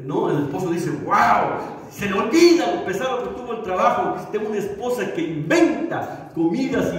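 A man's voice: high voice, very animated, moderate pace. A man, a pastor, preaching a sermon with humor and acting out little dialogues. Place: church hall. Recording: echoey hall from far off.

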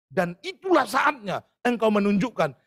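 A man's voice: high-pitched, very animated, moderate pace, fairly bright tone. A male pastor preaching a fervent sermon to a church congregation, often calling out to them directly. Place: church service.

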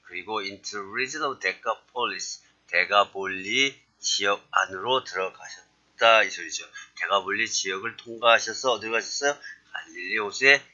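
Bright-voiced male English teacher. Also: on the low side, measured pace, muffled recording. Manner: acts out short English dialogues, then explains them. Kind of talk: lecture.

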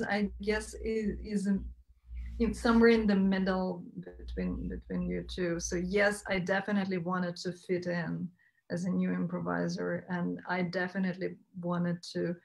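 Slow, measured woman hosting a panel. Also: mid-range voice, vocal fry, low-quality recording. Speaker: panel host. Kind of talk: video call panel discussion. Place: home room with shelves and plants. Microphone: video call.

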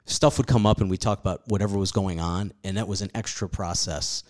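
A man in his forties with a very low voice talks loosely on a podcast. He rambles from thought to thought, puts himself down and swears casually. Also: steady tone, fairly quick, darkish tone. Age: 40s. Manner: rambling, self-deprecating, swears freely. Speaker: comedian guest.

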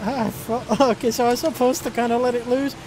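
A man's voice: very high-pitched, steady tone, brisk. A man giving casual gameplay commentary, jokey and exclamatory, with swearing. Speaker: gamer. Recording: commentary over noisy game audio.

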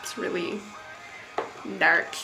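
In a slow, casual ramble, a young woman in her early adulthood walks viewers through a makeup tutorial from a small bathroom, murmuring offhand remarks. She's a vlogger demonstrating effects on camera from a short distance. Music plays in the background of this rough recording.

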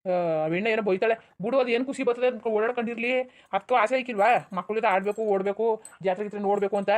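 A woman's voice: medium pitch, fairly even intonation, rapid-fire, natural voice. A woman voicing an indulgent village father in a cartoon who soothes his wife and dotes on his daughter. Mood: soothing. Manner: soothing, brushing off complaints. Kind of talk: cartoon voice acting.

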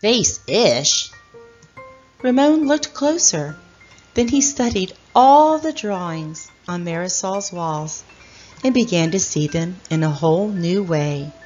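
With faint music in the background and lo-fi sound, a middle-aged woman reads a children's picture book aloud as host. She speaks in a fairly low pitch, carefully and expressively, the way a storyteller would.

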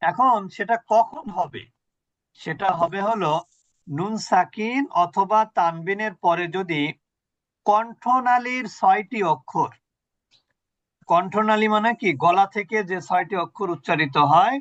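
High-voiced man teaching Quran recitation. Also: unhurried, fairly bright tone, dry recording, dull audio. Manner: patient, repeats points and quizzes students. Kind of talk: online tajweed lesson.

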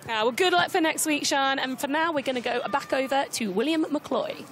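High-voiced woman trackside interviewer. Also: fairly quick, fairly bright tone, slight background noise. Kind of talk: live post-race interview.

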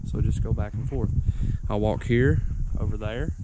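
On a wooded mountainside, a young ginseng-hunting vlogger gives folksy, rambling how-to tips while out of breath. His voice is fairly low and steady at a normal pace, and the recording is very noisy.

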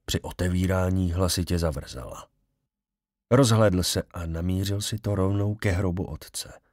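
A man narrating a fantasy audiobook in a measured, dramatic storytelling manner. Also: sits low, a little mellow, no echo, studio quality. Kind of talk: scripted narration.

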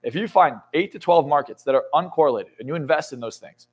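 A motivational speaker and coach in his twenties talks fast in a slightly high, somewhat rough voice during a podcast interview. He's intense and emphatic, swearing often and building to excited peaks. The setting is an indoor studio lounge set.

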